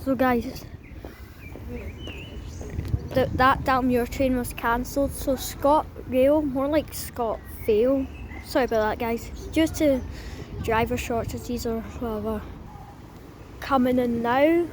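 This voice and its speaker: A woman's voice: fairly high pitch, steady tone, slow, long pauses. A woman giving casual, informal running commentary on trains to her viewers from an outdoor station platform. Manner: informal, addresses viewers as guys. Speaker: trainspotting vlogger. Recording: noisy outdoor recording.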